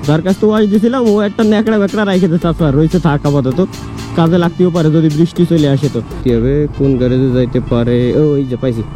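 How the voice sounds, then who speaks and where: A man's voice: fairly high pitch, fast, dark tone, soft background music. Chatty young man vlogging on the road. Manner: chatty, talks to camera and to people around him. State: has a cold and fever. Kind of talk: casual travel vlog. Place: roadside outdoors, in a car and at a fuel pump.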